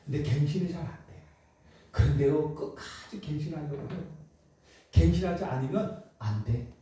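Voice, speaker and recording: A male pastor delivers an emphatic sermon and keeps putting questions to his listeners. His voice sits high but sounds mellow and dark. It comes from a distance and echoes through a large church hall. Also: moderate pace, slight background noise. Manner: emphatic, many rhetorical questions to the congregation. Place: church sanctuary.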